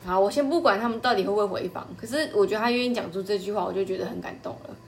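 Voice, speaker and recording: A young woman hosts her own podcast, talking quickly in a chatty, animated way. Her voice sits at an ordinary middle pitch, and a faint hiss of background noise runs under it. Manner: chatty, quick and animated, acting out customers' lines. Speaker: podcast host. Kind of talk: casual storytelling monologue.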